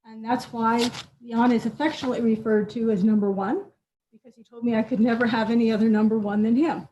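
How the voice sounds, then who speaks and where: A woman's voice: a little high, steady tone, a little fast. A woman hosting a scholarship presentation, talking to an audience with fillers and repeats. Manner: warm-up speaking with fillers and repeats. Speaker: scholarship program host. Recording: dull lo-fi sound with faint noise.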